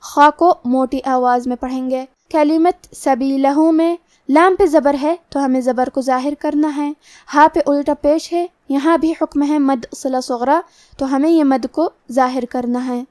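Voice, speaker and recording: A woman with a high voice teaches Quran recitation, explaining each rule methodically, word by word. The sound is dry and close, with no room echo. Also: steady tone, darkish tone. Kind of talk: tajweed lesson.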